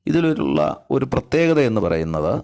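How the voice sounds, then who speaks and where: A man's voice: medium pitch, sing-song, moderate pace, gravelly, dark tone. A man with a Malayali accent teaching an English grammar lesson. He goes patiently step by step, asking questions and then answering them himself. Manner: patient, explains step by step, asks and answers his own questions.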